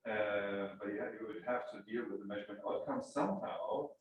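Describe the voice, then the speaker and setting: A man's voice: fairly low pitch, fairly quick, highs cut off. A man in the audience asking a speaker persistent, probing questions. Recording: distant, very echoey room mic with faint noise.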